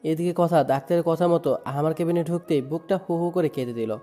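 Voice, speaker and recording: A man's voice: fairly high pitch, brisk, warm tone, faint music behind. A man narrating a first-person dramatic story in a sorrowful, emotive way. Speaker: narrator and lead voice.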